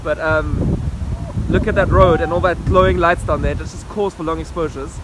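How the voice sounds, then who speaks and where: Holding the camera out at arm's length, this thirty-something photo vlogger talks fast and cheerfully about his gear while out in the nighttime rain on city rooftops and streets. His pitch is fairly high with fairly even intonation, and heavy wind, rain and traffic roar in the background.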